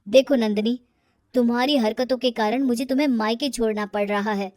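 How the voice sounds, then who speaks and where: Casting: mild, tired cartoon husband with a high, unlowered voice, played by a woman. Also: fairly even intonation, a little fast, a little mellow, no room sound, studio quality, lightly acted. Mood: weary. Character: weary young husband, mild-mannered.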